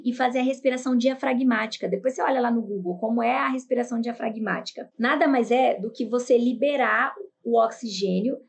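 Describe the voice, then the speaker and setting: A woman's voice: on the high side, vocal fry, darkish tone, slight background noise. A woman with a Brazilian Portuguese accent giving a motivational self-help talk, emphatic and direct, acting out breathing and heartbeats.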